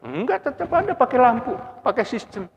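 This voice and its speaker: Animated male lecturer in a reverberant mosque. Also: very high voice, brisk, creaky. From Brunei. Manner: animated, rhetorical questions, chuckles often. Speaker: Quran exegesis lecturer. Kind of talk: humorous religious lecture. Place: mosque hall. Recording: muffled lo-fi recording with long hall reverb.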